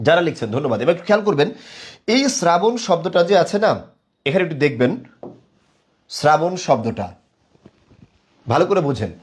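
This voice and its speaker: A man's voice: fairly high pitch, lively intonation, fairly quick, long pauses. A young man teaching a live online class, quizzing viewers and praising them again and again. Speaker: online tutor.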